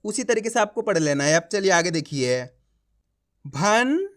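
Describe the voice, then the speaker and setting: A man's voice: on the high side, animated, a little fast. Male online reading teacher; sounds out words syllable by syllable, encouraging tone toward viewers. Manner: sounds out words syllable by syllable, then blends them; addresses viewers as friends, coaxing and encouraging.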